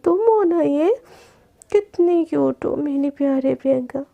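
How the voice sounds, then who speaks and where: A woman's voice: high voice, a little slow, creaky, narrow, tinny audio. A woman voicing a drunk, clingy young woman who drags her words out and whines like a child. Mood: drunk affectionate.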